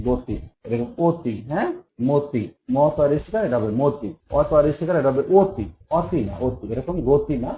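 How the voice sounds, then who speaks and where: A man's voice: mid-range voice, mellow. Man teaching a patient pronunciation lesson. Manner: explains step by step, repeats words slowly to drill them. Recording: slightly dull lo-fi recording with faint noise.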